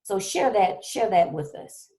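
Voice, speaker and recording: A woman's voice: mid-range voice, expressive, a little slow, dark tone. A woman hosting an online talk show on her laptop, losing her voice, chatting casually and repeating herself as she reads names. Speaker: host. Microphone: laptop on a video call.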